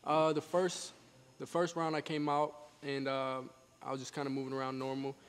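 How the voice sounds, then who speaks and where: A man's voice: medium pitch, completely flat delivery, normal speed. An eighteen-year-old man, a boxer, chatting casually in an interview, confidently explaining things step by step and repeating phrases as he goes. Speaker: professional boxer being interviewed. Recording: echoey hall, faint background noise.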